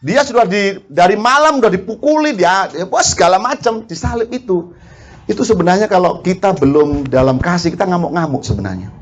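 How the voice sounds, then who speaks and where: Lively high-voiced male preacher from Sumatra. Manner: asks the congregation questions, quick laughs, acts out quarrels. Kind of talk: lively sermon.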